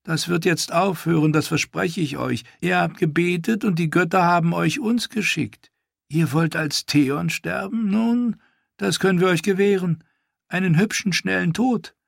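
A man's voice: high-pitched, unhurried, vocal fry, no room sound, studio quality, voice pushed up, heavily acted. A man doing a falsely soothing washerwoman. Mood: menacing. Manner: mocking, coaxing.

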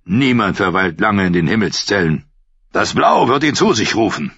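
A man voicing a gruff, stern older lord in an audiobook, growling his lines. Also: on the low side, big pitch swings, moderate pace, fairly bright tone, no echo, muffled recording, heavily acted.

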